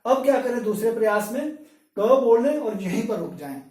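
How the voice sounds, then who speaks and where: A man teaches pronunciation, stretching sounds out to show how they are made. He speaks from a little way off the mic, and the room adds a clear echo. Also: very high voice, animated, mellow. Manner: slow, drawn-out demonstration of sounds with fillers. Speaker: Hindi lecturer. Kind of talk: classroom-style pronunciation lesson. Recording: echoey room, voice from a distance.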